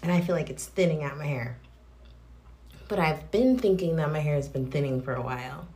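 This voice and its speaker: A woman's voice: low-pitched, animated, brisk, a little mellow, distant mic. A woman vlogging while braiding her hair in a small bathroom, chatting and correcting herself as she recommends movies, with a cave-like echo around her voice. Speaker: vlogger reviewing films. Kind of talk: casual rambling chat. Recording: echoey bathroom with faint hiss.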